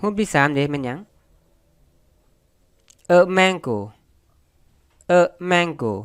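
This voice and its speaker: Slow, smooth Lao-accented English teacher. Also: mid-range voice, expressive, a bit bright, dry recording, clean studio sound. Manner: repeats each English word slowly and clearly. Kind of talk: beginner English lesson in Lao.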